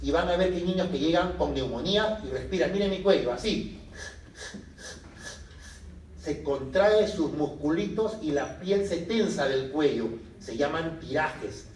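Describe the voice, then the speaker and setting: A man lecturing a medical class, lively, asking the students questions and answering them himself. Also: fairly high pitch, unhurried, slight background noise. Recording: echoey room from a distance.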